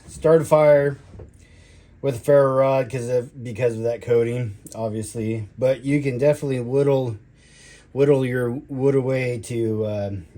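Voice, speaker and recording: A man giving a casual, rambling gear review in a halting way, drawing out his words and trailing off. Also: medium pitch, dark tone. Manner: halting, drawn-out delivery with trailing phrases. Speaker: product reviewer, military veteran.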